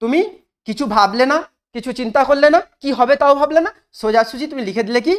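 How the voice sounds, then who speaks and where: A woman teaching an English grammar lesson in style, asking her students questions and repeating each rule slowly for emphasis. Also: sits high.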